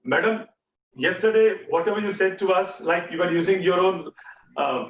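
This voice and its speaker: A man's voice: sits high, moderate pace, muffled recording. A man with an Indian accent teaching an online class interactively, repeating key phrases and questions for emphasis. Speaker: online bootcamp instructor. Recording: echoey, distant mic, faint noise.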